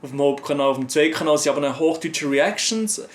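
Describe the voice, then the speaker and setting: A young Swiss YouTuber with a Swiss accent chats casually with viewers and responds to their comments, his loose, slangy talk full of fillers. His voice is fairly high, animated and brisk.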